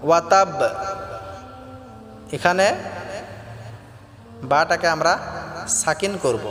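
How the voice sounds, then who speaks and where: A man teaching Quran recitation, chanting verses slowly and melodically, then explaining pronunciation quickly in a Bangladeshi Bengali accent. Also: fairly high pitch, bright, forceful tone. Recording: echoey reverberant room with faint background music.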